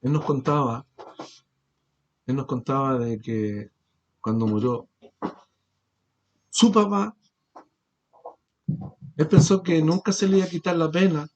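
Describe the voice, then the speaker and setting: High-voiced man preaching a sermon. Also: dull audio. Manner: preaching with rhetorical questions, rising and falling in force. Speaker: pastor.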